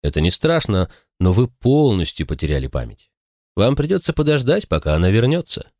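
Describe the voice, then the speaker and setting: A man as a calm, reassuring young doctor. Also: lowish voice, brisk, dry recording, clean studio sound. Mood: gentle. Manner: gentle, soothing.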